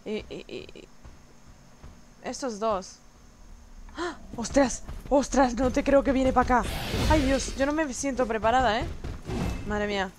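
A woman from streaming a game, chatting with her viewers and exclaiming loudly at what happens on screen. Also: on the high side, measured pace, pauses often, background noise. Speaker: gaming streamer. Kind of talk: let's play commentary.

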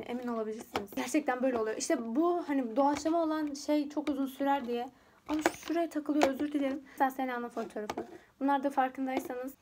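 High-voiced chatty young woman. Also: a little mellow, a little hiss or hum. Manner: rambling, chatty, laughs often. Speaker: YouTuber teaching photo editing. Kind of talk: casual screen-recorded tutorial chat. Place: at home.

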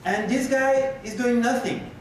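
A man giving a conference keynote and answering questions, animated and moving about the stage, recorded from a far camera in a lecture hall. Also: very high-pitched, measured pace, a little hiss or hum. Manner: animated, gestures while pacing the stage. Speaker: keynote speaker. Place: lecture hall with projector screens. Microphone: far room camera.

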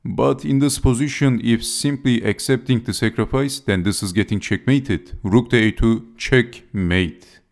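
A man's voice: mid-range voice, measured pace, gravelly, hardly any pauses. A man giving scripted chess game commentary as narrator, speaking in short, clipped move-by-move phrases.

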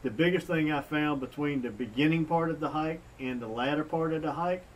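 A man's voice: on the high side, brisk, a little hiss or hum. Middle-aged male host, folksy porch chat, camera mic from a distance. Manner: relaxed, folksy, plain-spoken. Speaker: bushcraft channel host. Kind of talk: casual sit-down vlog chat. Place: outdoor front porch. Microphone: camera mic from a few feet away. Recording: distant mic, faint outdoor ambience.

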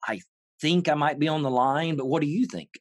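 A man's voice: fairly high pitch, a little fast, dry recording, clean studio sound. Easygoing male talk-show host. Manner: easygoing, joking asides. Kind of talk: conversational interview.

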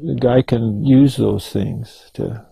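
An older man telling stories in an oral history interview, halting and rambling, with many restarts. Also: medium pitch, fairly even intonation, creaky, dark tone, slightly rough, no echo, low-quality recording. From Canada.

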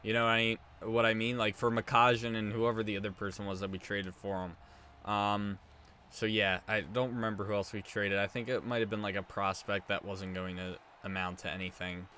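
A young man giving rambling, casual live commentary on a hockey video game he is streaming, breaking into excited cheers when his team scores. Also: fairly low pitch, normal speed, slight background noise. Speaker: gaming streamer.

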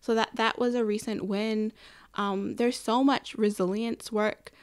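A young woman from Samoa, a climate activist, talking earnestly as a podcast guest in a small home studio with a boom mic. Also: steady tone, unhurried, smooth. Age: young adult. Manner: earnest, storytelling, frequent ums. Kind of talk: casual podcast interview. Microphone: studio mic on boom arm, headphones.

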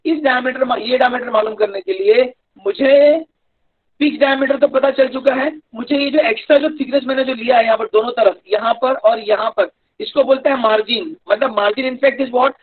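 A man's voice: extremely high pitch, racing. A man with a North Indian accent giving a live online engineering lecture in a hesitant, repetitive, explanatory manner. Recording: dull lo-fi online-class audio.

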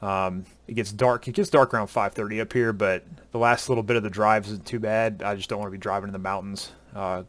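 Easygoing man with a headset. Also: fairly low pitch. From Southern US. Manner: relaxed, rambling with many uhs and ums. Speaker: ski vlogger. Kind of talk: casual chat to camera. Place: home room at a desk.

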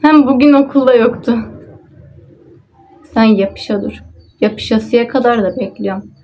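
A woman's voice: on the high side, unhurried, darkish tone, a little hiss or hum, rough recording. A woman vlogging at home, talking to herself as she works on a papercraft project, muttering and sighing in exasperation. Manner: muttering and self-talk, exasperated sighs. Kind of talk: casual talking to herself while crafting.

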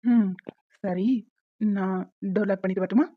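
A woman voicing a gentle young husband in a cartoon, soothing and reassuring his wife. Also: mid-range voice, steady tone, measured pace, phone-quality sound, close to an everyday voice. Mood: comforting.

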